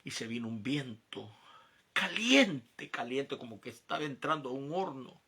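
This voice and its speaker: A man preaching a testimony sermon, his voice gravelly and somewhat husky with a bright, forceful edge. He talks emphatically, dropping low and then climbing to loud peaks. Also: normal speed. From El Salvador.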